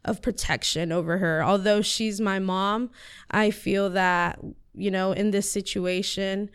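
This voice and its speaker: This teenage girl from the United States speaks Spanish as her first language and appears as a high school student guest, answering interview questions earnestly. Her medium-pitched voice is steady and clean, and her pace is measured, though she uses many fillers and restarts.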